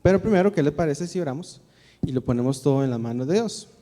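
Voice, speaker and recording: A Costa Rican man with a high but mellow voice tells a story in a church talk. He speaks casually and keeps tagging his sentences with a questioning word. His voice trails off into the long reverb of a church hall. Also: expressive, fast talker.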